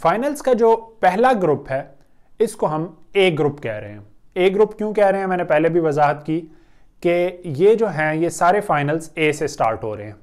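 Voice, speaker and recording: A man with an Urdu accent gives an online Chinese pronunciation lesson, and his voice sits a touch high for a man. He explains patiently, with slow stretches and thoughtful pauses. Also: animated. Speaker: Chinese language teacher.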